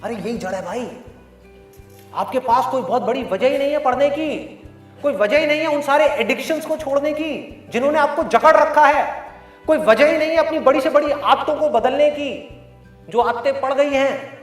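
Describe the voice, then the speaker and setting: A man with an Indian accent giving an emphatic, rhetorical motivational talk to students, swinging between loud and hushed. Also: very high-pitched, moderate pace, very echoey, distant mic, faint music behind. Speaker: motivational speaker.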